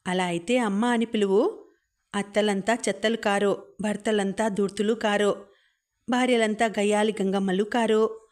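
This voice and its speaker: A woman's voice: medium pitch, steady tone, normal speed, lightly acted. A woman reading a teasing young husband. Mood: warm, teasing. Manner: playful, gently reasoning.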